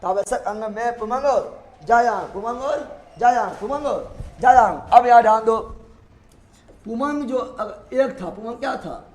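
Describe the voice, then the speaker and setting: A man's voice: extremely high pitch, expressive, moderate pace, darkish tone. A man teaching a classroom biology lesson, firing questions at the class and repeating each term over and over. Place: classroom with students.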